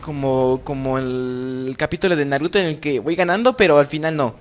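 A young man giving excited gameplay commentary as host of his gaming channel, repeating phrases over and over. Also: mid-range voice, moderate pace, slight background noise.

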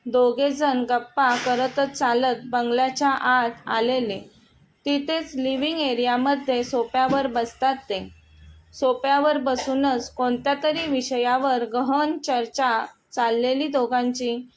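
A woman narrating a scripted romantic story in a measured, gently dramatic way. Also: high-pitched, fairly even intonation, poor audio.

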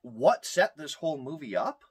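Animated, ranting American man reviewing movies. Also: on the high side, moderate pace. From United States. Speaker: podcast co-host. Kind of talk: casual movie review chat.

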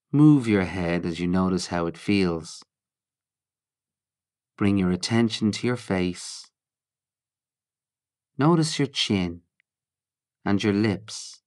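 In a voice on the low side, a man guides a mindfulness meditation, his short instructional phrases calm, measured, and spaced with pauses.

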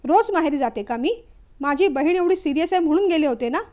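Tired young wife who snaps back, read by a woman narrator; high voice, dull recording. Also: brisk, darkish tone, lightly acted. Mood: angry. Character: worn-down young wife, pushed to anger.

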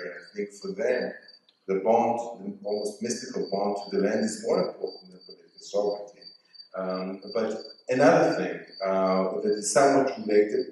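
A man's voice: on the low side, warm tone. A man speaking as a panelist at a discussion, hesitant with many fillers and restarts, on a large auditorium stage. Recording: very echoey hall, distant mic.

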